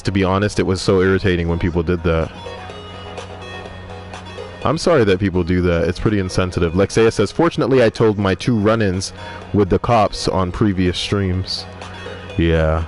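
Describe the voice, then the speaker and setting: In casual gaming livestream chat, a young man with a low-pitched, slightly mellow voice talks at a moderate pace. He reads viewer messages aloud and cracks crude, profane jokes as music plays behind his voice.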